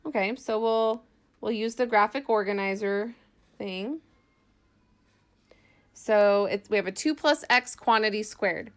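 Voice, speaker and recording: Speaking in a smooth, medium-pitched voice, a woman teaches math informally. Her explanation of worked examples unfolds step by step as she casually thinks out loud.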